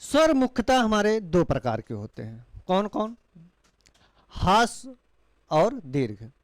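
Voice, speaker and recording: Slow, lively-voiced male teacher. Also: high voice, no room sound. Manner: slow, drawn-out vowel demonstrations with repeated questions. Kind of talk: classroom lecture.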